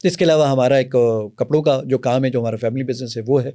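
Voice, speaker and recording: A man's voice: medium pitch, steady tone, mellow. Eager Pakistani founder explaining his app. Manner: eager, explanatory, often agreeing emphatically. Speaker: app founder and software company owner. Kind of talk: interview, demonstrating an app.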